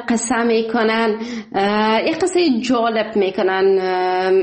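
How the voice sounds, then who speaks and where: A woman hosting a call-in show, polite, thanking often and pausing with fillers. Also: on the high side, roomy sound. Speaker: radio show host.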